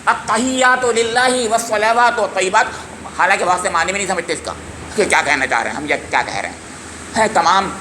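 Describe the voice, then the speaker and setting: A man's voice: on the high side, reverberant, background noise. A man giving a religious lecture on scripture, emphatic and often putting questions straight to his listeners. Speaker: Quran lecturer.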